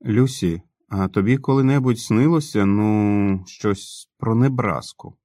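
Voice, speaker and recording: Reader doing a careful man, slow probing questions, low voice. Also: no room sound, clean studio sound, close to an everyday voice. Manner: slow, gentle questioning with pauses.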